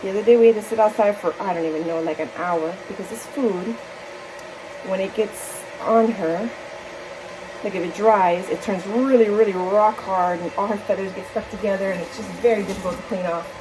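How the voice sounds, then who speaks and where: A woman's voice: medium pitch, fairly quick, background noise. A woman hand-feeding a baby bird at home in her kitchen, cooing baby talk to the bird and chatting casually to the camera. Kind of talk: casual home video chat.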